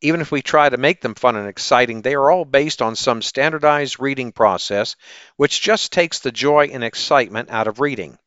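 A man speaking as a teacher and podcast host in an animated, upbeat, salesy presenting style, often posing questions to the listener. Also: medium pitch, normal speed, smooth, dry recording, highs cut off. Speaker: teacher hosting an education podcast. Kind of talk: upbeat promotional ad pitch.

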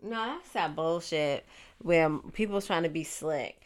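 A woman co-hosting a podcast who questions her partner bluntly and doesn't shy from swearing, keeping a casual, pressing tone. Her voice sits on the lower side. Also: a little slow. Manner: blunt, challenging, profane. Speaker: podcast co-host. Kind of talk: casual chat.

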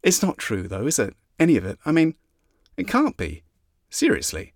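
A man's voice: a little high, huge pitch swings, normal speed, dry recording, studio quality, voice pushed up, heavily acted. Man voicing an exasperated young woman. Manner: pleading, questioning.

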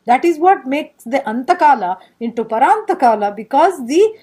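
High-pitched Indian-accented woman teaching. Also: moderate pace. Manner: animated storytelling with rhetorical questions and playful humour. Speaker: spiritual teacher. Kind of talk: informal scripture lecture with questions to listeners.

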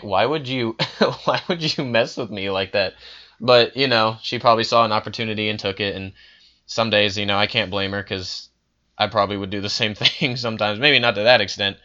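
Young man, casual storyteller, smooth and crisp, lo-fi sound. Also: lowish voice, bright, forceful tone. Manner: rambling, with frequent fillers and restarts.

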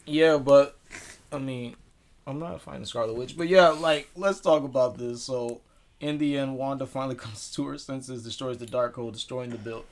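A young man in casual chat, retelling things in a slangy, animated way and acting out quotes. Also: medium pitch, normal speed. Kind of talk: casual movie recap chat.

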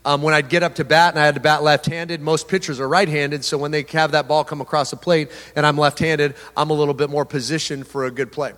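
Man, pastor preaching, self-deprecating stories, high pitch, big reverberant sanctuary. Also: level tone, fast talker, hardly any pauses, a bit bright. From Texas. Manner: storytelling with self-deprecating humor and repeated restarts. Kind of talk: sermon. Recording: long hall reverb.

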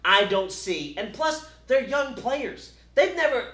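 A man's voice: very high-pitched, slow pace. Blunt, swearing man in an echoey room. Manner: blunt, profane, animated, with laughs. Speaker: podcast co-host. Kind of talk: casual sports debate.

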